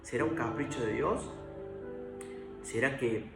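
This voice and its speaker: A man's voice: mid-range voice, unhurried, vocal fry, distant mic. A man preaching an earnest sermon, speaking straight to the viewer and swelling into emphasis. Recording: echoey room with music behind.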